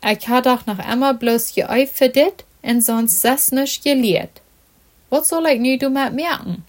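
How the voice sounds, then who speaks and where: A woman's voice: high voice, a little slow, darkish tone, pitched above the performer's own voice. A woman reading as a discouraged young footballer. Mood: resigned.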